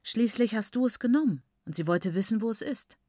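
A woman reading aloud voices a gentle middle-aged mother who speaks calmly and soothingly. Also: on the high side, fairly quick, no echo, clean studio sound, voice pushed up. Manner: calm, soothing.

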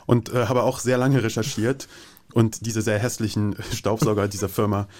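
A man from Afghanistan appears as a studio guest in a casual radio conversation, shifting between enthusiasm and thoughtful reflection. His voice is lowish and darkish in tone, delivered flatly at normal speed.

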